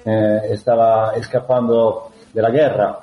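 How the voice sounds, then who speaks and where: A man from Italy, speaking with an Italian accent as an interview guest, talking in a halting way full of fillers and restarts. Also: fairly low pitch, flat delivery, faint music behind. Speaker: guest, actor. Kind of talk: conversational interview. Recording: roomy, dull lo-fi sound.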